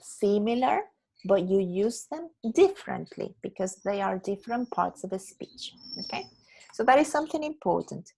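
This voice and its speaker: A woman teaching an English class over a video call. She explains patiently, repeats words slowly and keeps checking with "yeah?". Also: medium pitch, animated, gravelly, a little mellow, slight background noise, poor audio. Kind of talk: online English lesson.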